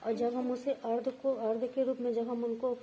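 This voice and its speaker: A woman's voice: fairly high pitch, flat delivery, moderate pace, dark tone, slight background noise, rough recording. A woman teaching a devotional ritual step by step, patiently repeating each point and checking in with her viewers. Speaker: astrology and vastu teacher. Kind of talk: devotional how-to instruction.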